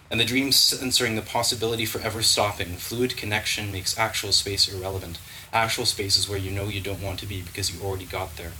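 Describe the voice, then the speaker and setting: Low bright-toned man reading poetry. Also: a little hiss or hum, poor audio. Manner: measured, dense and lyrical. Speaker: poet.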